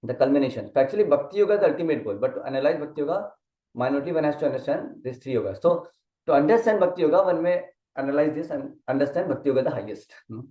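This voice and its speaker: A man's voice: a little high, animated, slow pace. A man teaching a casual Gita study class, mixing Hindi and English, explaining step by step and often checking that the listener follows. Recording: dull muffled sound in an echoey room.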